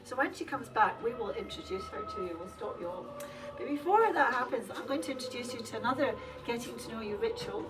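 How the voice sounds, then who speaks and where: A woman whose first language is Polish hosts a festive dinner, addressing the crowd of guests in a lively speech that's playful, teasing and full of laughter. Her slightly high voice is expressive and quick, with few pauses. She's far from the mic in a large indoor café hall, over music and the chatter of dinner guests.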